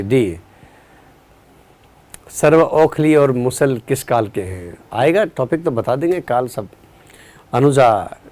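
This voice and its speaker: A male teacher running a live online exam-prep class, explaining at a relaxed, unhurried pace, quizzing students and answering their chat, tired at the end of a long day. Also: mid-range voice.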